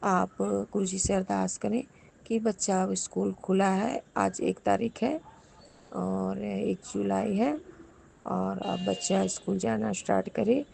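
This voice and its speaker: A woman's voice: medium pitch, fairly even intonation, slow pace, vocal fry, warm tone, a little hiss or hum. A woman sharing a devotional testimony with the congregation, fervently and repeatedly giving thanks to her guru. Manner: addresses listeners directly as the congregation.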